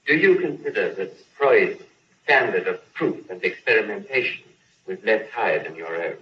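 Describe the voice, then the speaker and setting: A man putting measured, persistent questions as an interviewer, heard on an old 1950s archival recording. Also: on the low side, lively intonation. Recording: echoey, dull old broadcast recording.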